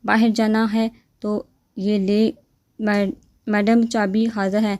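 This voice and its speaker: A woman voicing a tender, doting young husband who speaks softly and affectionately. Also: mid-range voice, little pitch movement, no echo, close to an everyday voice.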